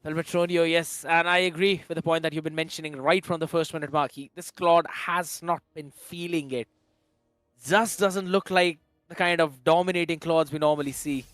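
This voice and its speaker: A man's voice: a little high, steady tone, moderate pace, a bit bright, smooth, dry recording, soft background music. A man giving casual color commentary and analysis on a mobile esports match, slangy and chatty.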